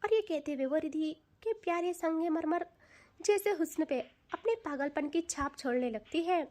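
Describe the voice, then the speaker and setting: A woman's voice: high-pitched, animated, normal speed, mellow. A woman storyteller and writer narrating a romantic audio story in an intimate, descriptive way.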